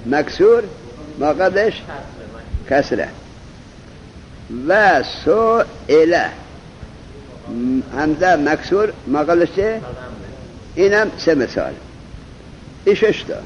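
A man's voice: a little high, animated. Man teaching a class on a dull recording. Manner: quizzes students, drawls example words slowly. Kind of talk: seminary-style grammar lesson. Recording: dull lo-fi recording with faint noise.

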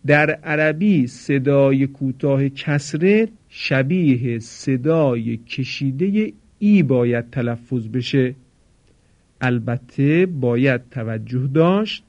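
A man teaching pronunciation to listeners. He explains formally and says model words slowly and loudly for them to repeat. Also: medium pitch, lo-fi sound. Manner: slow, loud, drawn-out model words for repetition. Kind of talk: recorded pronunciation lesson for listeners.

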